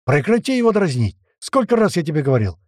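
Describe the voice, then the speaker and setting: A man voicing a flustered male mechanic who shouts and pleads over his unruly parrot. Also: medium pitch, expressive, normal speed, dry recording, clean studio sound, close to an everyday voice. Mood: shouting.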